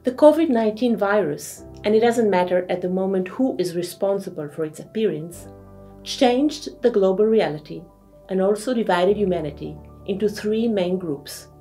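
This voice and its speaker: A woman's voice: medium pitch, moderate pace, mellow. Woman lecturing over music. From Israel. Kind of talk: scripted lecture narration.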